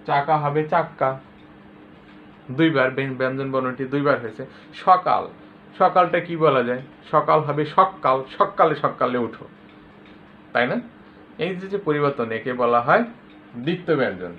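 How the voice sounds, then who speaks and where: A man teaching a grammar lesson to school students, patiently explaining and repeating example words with loud stress. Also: mid-range voice, normal speed, long pauses, slight background noise. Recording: tinny lo-fi phone-like recording.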